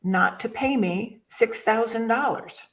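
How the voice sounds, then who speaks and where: A woman's voice: fairly high pitch, takes it slowly, a bit bright, far from the mic, poor audio. Older woman telling stories, off-mic. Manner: storytelling, rambling, self-interrupting. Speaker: guest, mindset chaplain. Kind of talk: casual conversation.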